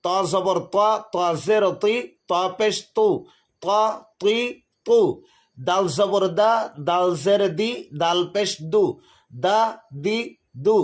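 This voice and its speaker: A man teaching Quran reading, slowly reciting drills of letters and their vowel sounds. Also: sits high, fairly even intonation. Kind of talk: slow recited lesson.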